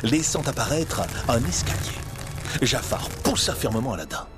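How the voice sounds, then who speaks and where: A man reading a storybook aloud in an animated, expressive narration. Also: mid-range voice, normal speed, over loud music.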